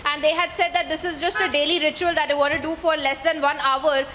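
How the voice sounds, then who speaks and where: Filing a live report, a female news reporter with an Indian accent talks briskly in long, wordy, run-on sentences. Her high, bright voice keeps a fairly even intonation over a reverberant link with some background noise.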